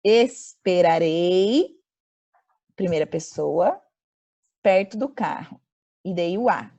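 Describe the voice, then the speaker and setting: A woman with a Brazilian accent teaching an online grammar class over a video call. She slows down to dictate example sentences and quizzes her students. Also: lowish voice, expressive, vocal fry, warm tone, husky. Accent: Brazilian Portuguese.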